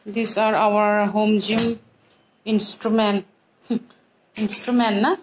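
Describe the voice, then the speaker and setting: A woman's voice: medium pitch, level tone, slow pace, a little hiss or hum, rough recording. A woman filming a casual home unboxing vlog indoors on a phone, hesitant and searching for words. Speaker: vlogger filming the assembly. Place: indoor living room at home.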